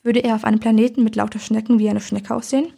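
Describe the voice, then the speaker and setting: A woman reading a first-person story aloud in a calm, measured storytelling manner. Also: a little high, gravelly, husky. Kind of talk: first-person audiobook narration.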